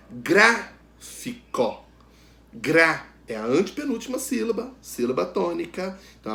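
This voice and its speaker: A man teaching a grammar lesson, asking questions and answering them himself, stretching out each example word slowly and loudly. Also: mid-range voice, vocal fry. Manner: addresses students directly, asks and answers questions.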